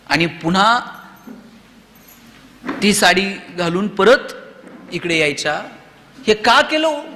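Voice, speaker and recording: A man with a Marathi accent addresses students in a motivational speech, leaning on rhetorical questions and lively storytelling. His voice sits high and sounds bright and forceful. The recording carries the long reverb of a large hall. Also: slight background noise. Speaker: motivational speaker. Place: auditorium.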